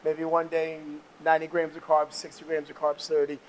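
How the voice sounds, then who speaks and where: A man's voice: a little high, monotone, fairly quick, low-quality recording. A man hosting a casual motivational interview, talking emphatically like a salesman while exercising on a treadmill. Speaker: interview show host.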